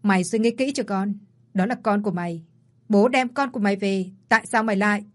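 A warm-hearted old grandfather from a storybook, voiced by a woman narrator. He pleads with his son and scolds him in turn, always sounding worried. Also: medium pitch, a little fast, natural voice. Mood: pleading. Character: worried, kindly older father and grandfather.

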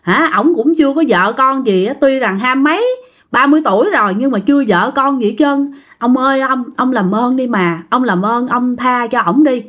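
A woman voicing frightened young men who plead haltingly with a ghost. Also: high-pitched, a bit bright. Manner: pleading, halting, many fillers.

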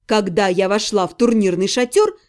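A woman reading a fantasy story aloud in the first person, in an expressive way. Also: mid-range voice, normal speed. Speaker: audiobook reader. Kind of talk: audiobook narration.

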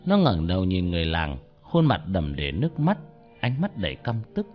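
A man narrating a dark ghost story about a cursed village in a dramatic storytelling manner. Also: deep voice, wildly swooping pitch, a little fast, dull audio, soft background music.

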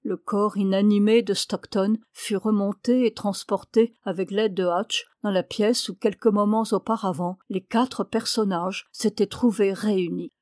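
A woman narrates a detective story in a clear, even manner. Her voice sits at a middle pitch and is recorded dry and close, with no room echo. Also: a little slow, few pauses. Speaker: audiobook reader.

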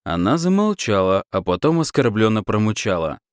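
A man narrating a story in an expressive, wry way. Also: on the low side, moderate pace, clear, resonant tone, no echo, studio quality. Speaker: audiobook narrator.

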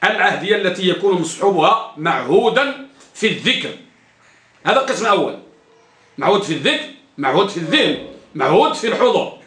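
A man with a high, ringing voice leads a grammar lesson and keeps checking whether his students are following. He repeats each point and drills the class with questions. The recording has the echo of a classroom. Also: sing-song, quick pace, a bit bright. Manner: quizzes students, repeats key terms. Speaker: teacher.

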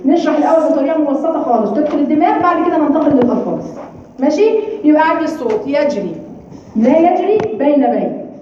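A woman's voice: high voice, lively intonation, fast, mellow, slight background noise. A woman with an Egyptian accent teaching recitation, explaining patiently, demonstrating letter sounds and checking understanding. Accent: Egyptian Arabic. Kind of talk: informal lesson explanation. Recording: echoey, distant, dull room recording.

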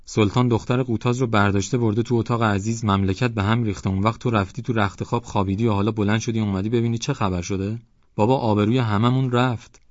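A man's voice: fairly low pitch, steady tone, no echo, highs cut off, pitched above the performer's own voice, natural voice. A man voicing a reproachful villager. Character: indignant middle-aged village man.

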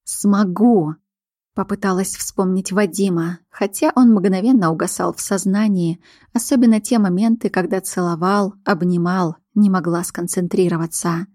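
A woman reading a first-person novel aloud as narrator, with an expressive, emotional delivery. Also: mid-range voice, normal speed, dry recording, studio quality. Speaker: audiobook narrator.

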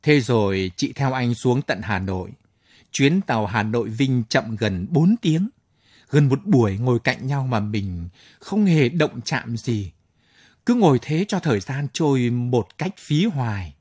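Husky male late-night story reader. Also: mid-range voice, dry recording, clean studio sound. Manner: calm, measured storytelling.

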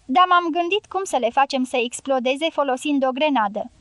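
A woman's voice: sits high, fairly bright tone, dry recording. A woman reading the part of a sullen male guerrilla leader in an audiobook, speaking bluntly and curtly. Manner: blunt, curt and self-justifying.

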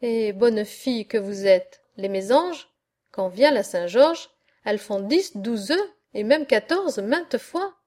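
A woman reading aloud, voicing a bold, teasing young country lad who speaks in an easygoing way, at a slow, mellow pace. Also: a little high, animated.

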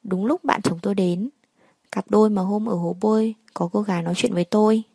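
A woman narrating a first-person story in a soft, sorrowful way. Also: mid-range voice, fairly quick, vocal fry, husky, no room sound.

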